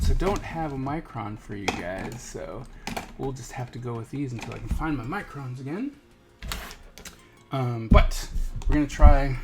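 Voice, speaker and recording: This host of an art supply review series has a medium-pitched voice with vocal fry. He reviews products hands-on and informally, musing aloud and repeating himself, with music underneath.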